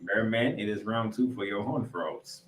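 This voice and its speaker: Football preview commentary comes from a man hosting a sports podcast, who sounds like an announcer and addresses listeners as ladies and gentlemen. He speaks in a lowish voice at normal speed. The room echoes, he is far from the mic, and slight background noise is present.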